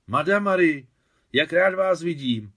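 A man's voice: medium pitch, expressive, a bit bright, pitched above the performer's own voice. A man reading an audiobook, voicing a sardonic taxi driver who talks earnestly and at length, with a wry edge. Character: sardonic French taxi driver, former resistance.

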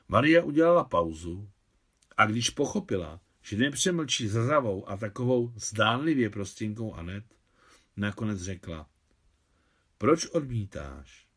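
A man calmly reading a novel aloud as an audiobook narrator. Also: on the low side. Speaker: audiobook reader.

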